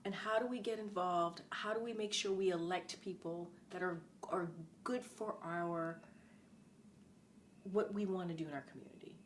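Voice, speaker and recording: This middle-aged woman, an interview guest and former press secretary, speaks in a lowish, steady voice at a moderate pace. Her delivery in the conversational interview is earnest and emphatic, with key phrases often repeated. Slight background noise is present.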